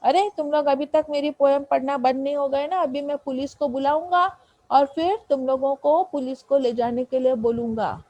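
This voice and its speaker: A woman teaching an online English class, reading each line of a poem slowly and then explaining it in Hindi. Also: high voice, steady tone, darkish tone, dry recording, low-quality recording.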